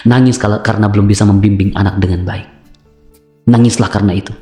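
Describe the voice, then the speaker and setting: A man's voice: on the low side, fairly even intonation, quick pace, dark tone, reverberant, faint music behind. A man hosting a religious self-help talk, answering viewer questions with a repetitive preaching cadence and rhetorical questions.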